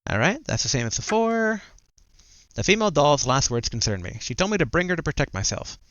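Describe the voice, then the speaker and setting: A man's voice: a little high, big pitch swings, brisk, fairly bright tone, dry recording, lo-fi sound. A man doing casual video game commentary, talking to himself in repeated short phrases and reading game text aloud.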